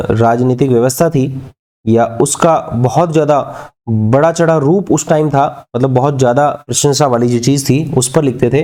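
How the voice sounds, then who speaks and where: Mellow-voiced man teaching literature. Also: medium pitch. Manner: mixes Hindi with English, dictates English lines slowly; asks and answers his own questions. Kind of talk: exam-prep lecture.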